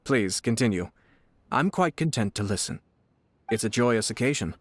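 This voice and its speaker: An actor voicing a shrewd young male noble commissioner in a video game, courteous and measured. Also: mid-range voice, expressive, dry recording, lightly acted. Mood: gracious. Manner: courteous, measured, politely probing.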